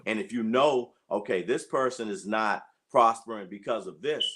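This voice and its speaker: A man's voice: lowish voice, normal speed, a bit bright. A man in his late fifties, a track and field coach, talking earnestly in an interview and often saying "you know". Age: 50s. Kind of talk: conversational interview.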